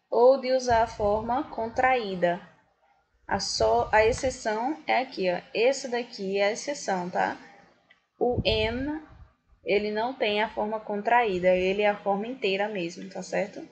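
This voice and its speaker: A woman's voice: fairly high pitch, a little slow, breathy edge. A woman from Brazil with a Brazilian Portuguese accent, teaching an English grammar lesson in a patient, explanatory way, speaking directly to her students.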